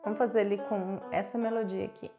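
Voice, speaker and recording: A woman giving a singing lesson, calmly explaining and guiding vocal exercises. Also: medium pitch, fast, over music. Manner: calm, guiding, explains then demonstrates. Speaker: singing teacher.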